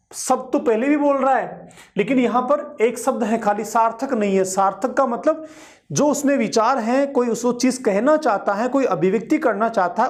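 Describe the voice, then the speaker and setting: A male teacher giving an exam-prep lecture, explaining each point and repeating it with everyday examples. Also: high-pitched.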